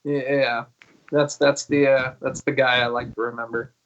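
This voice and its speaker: On a video call, a guest singer in his early thirties chats loosely in a casual interview, rambling, swearing freely and laughing often as he tells stories. His medium-pitched voice is flat and a bit bright, delivered at a measured pace. The recording cuts off the highs and carries a little hiss or hum.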